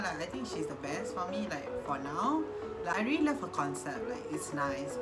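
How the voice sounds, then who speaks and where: A young man with a Singaporean accent giving casual reactions in a sassy, campy drag queen manner. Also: sits high. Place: small room at home. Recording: music behind the voice.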